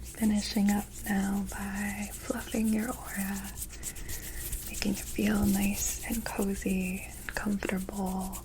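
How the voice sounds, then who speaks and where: Over faint ambient noise, a medium-pitched woman whispers slowly and very evenly, her voice airy and breathy. She plays an ASMR reiki energy healer in a gentle, soothing, mystical role-play.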